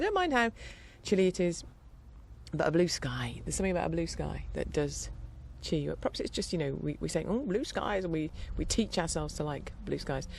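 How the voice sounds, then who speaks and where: An English woman who hosts a podcast chats casually and rambles outdoors in her garden, her deep voice carrying a gravelly fry and sounding a little blocked up in the nose. She drifts into quieter stretches as her thoughts wander, with slight background noise behind her.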